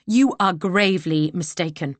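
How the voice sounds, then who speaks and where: A woman's voice: lowish voice, moderate pace, no echo, close to an everyday voice. A woman voicing a proud, defiant young lady with a tense, pleading edge for an audiobook. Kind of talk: audiobook character voice.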